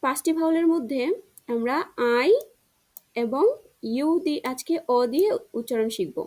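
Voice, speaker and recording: A woman teacher giving a children's reading lesson, spelling words out slowly and drawing them out. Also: high-pitched, darkish tone, low-quality recording. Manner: slow, drawn-out spelling drills.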